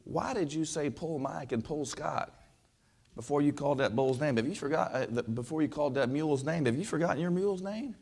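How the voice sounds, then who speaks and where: A man voicing a cocky, impatient young driver in a spoken story, skeptical and quick. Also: fairly high pitch, creaky, a little mellow, breathy edge, pitched above the performer's own voice.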